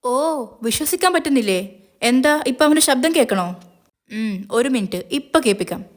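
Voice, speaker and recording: Lady doing a taunting bad-guy man, sneery and mean, fairly high voice. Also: expressive, fairly quick, lightly acted. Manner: mocking, taunting, threatening. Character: menacing male villain, gloating kidnapper.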